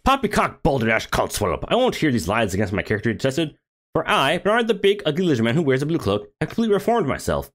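A man's voice: medium pitch, wildly swooping pitch, quick pace. A man voicing a pompous, big, ugly male lizard man, in a theatrical, grandiose manner.

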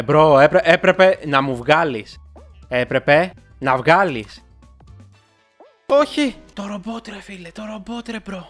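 A man talks through a game he's playing in a loose, slangy way, tossing "bro" at his viewers. His voice sits at an ordinary middle pitch, and he breaks into excited outbursts when things go wrong. Faint game music runs underneath. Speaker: gaming YouTuber. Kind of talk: casual gameplay commentary.

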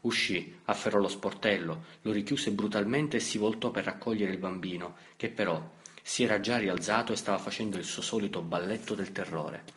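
A man reading a novel aloud as an audiobook narrator, in a measured, steady way. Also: lowish voice. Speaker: audiobook reader. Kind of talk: scripted literary narration.

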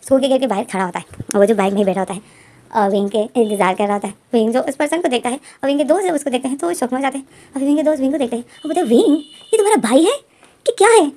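A woman's voice: on the high side, racing, dark tone. A woman casually retelling a fan fiction story in a chatty way, full of fillers and restarts.

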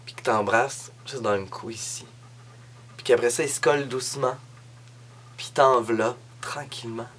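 A young man with a Québécois French accent telling a comic story as a monologue, jumping into high voices when he imitates people. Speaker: comedic storyteller.

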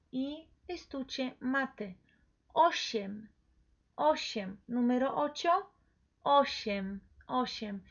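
A woman teaching pronunciation, repeating each word slowly and coaxing the listener to say it back. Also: sits high. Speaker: language teacher. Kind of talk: slow pronunciation lesson. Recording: dull lo-fi recording.

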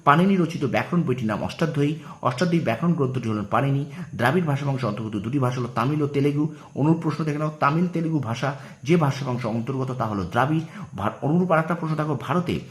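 A male teacher leads an exam revision lesson and reads off one answer after another. His pitch sits in an ordinary middle range. The sound is roomy and echoey, and he often stops to restart or correct a word. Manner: runs through answers quickly, with restarts and self-corrections.

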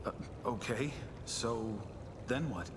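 A man's voice: medium pitch, lively intonation, slow pace, noisy background. An actor playing a worried young man stranded in snowy wilderness in a video game.

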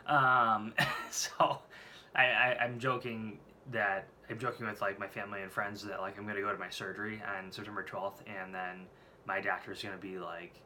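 Sitting at his desk camera in a small room at home, this late-twenties vlogger talks with a head cold and a scratchy throat. His voice is lowish, pushed and bright, with a flat delivery at a moderate pace, and he rambles openly, cursing without restraint.

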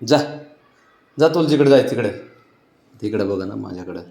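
A man's voice: on the low side, lively intonation, normal speed, vocal fry, dark tone, husky. A man chatting to his pet cat in a coaxing, teasing way, repeating questions and chuckling often. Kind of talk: casual baby-talk to a pet.

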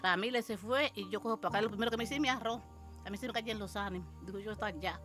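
An older woman, animatedly telling an interviewer her story as a mother and acting out the shouts and quotes in it. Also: medium pitch, rapid-fire, music in the background.

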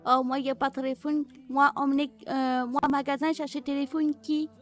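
Woman putting on a high chirpy foreign medic. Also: level tone, brisk, close to an everyday voice. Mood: babbling. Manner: broken pidgin speech, repeats herself. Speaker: streamer role-playing a medic. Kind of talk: in-character game role-play.

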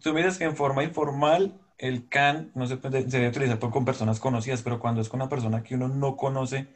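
A man's voice: mid-range voice, steady tone, quick pace. A man, a student in an online class, asking a question hesitantly over a video call.

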